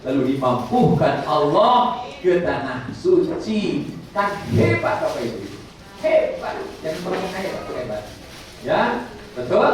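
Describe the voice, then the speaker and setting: A man guiding pilgrims in religious instruction, preacherly and tossing questions to his audience. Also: fairly high pitch. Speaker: umrah pilgrimage guide (ustaz). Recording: very echoey, distant hall with room noise.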